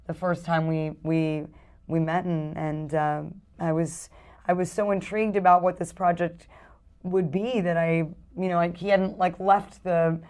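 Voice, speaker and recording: A woman's voice: fairly low pitch, little pitch movement, unhurried, a little mellow, clear, resonant tone. A woman actor talking casually in an interview, hesitant and full of fillers and restarts. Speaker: actress in a film interview.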